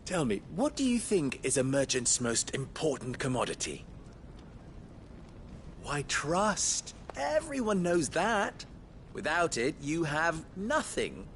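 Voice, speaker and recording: A man's voice: on the high side, huge pitch swings, fairly bright tone, slight background noise, heavily acted. A man playing a smug, swaggering young merchant in a mocking, pompous, theatrical period fantasy drama style. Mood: smug, condescending. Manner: mocking, pompous, drawn-out delivery.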